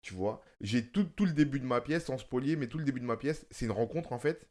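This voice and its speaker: A man's voice: medium pitch, lively intonation, fairly quick, darkish tone. Man with a lisp, talking emphatically. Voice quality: lisp, slushy s sounds. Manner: emphatic, repetitive, often checking the listener follows. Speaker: stage actor, guest. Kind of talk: casual interview conversation.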